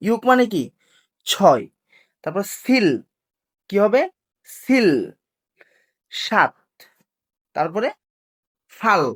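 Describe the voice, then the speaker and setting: A woman teaching a Korean language lesson, asking the class a question after each point and answering it herself. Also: medium pitch.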